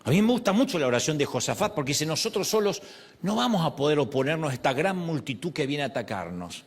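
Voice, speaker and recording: A man's voice: fairly high pitch, very animated, quick pace, breathy edge. A middle-aged man preaching a sermon, acting out prayers and quoted voices. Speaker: pastor.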